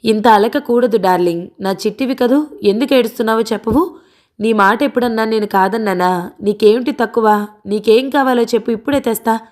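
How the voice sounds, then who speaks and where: A woman voicing a coaxing, smooth-talking husband. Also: fairly high pitch, a little fast, darkish tone, lightly acted. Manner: wheedling, cajoling.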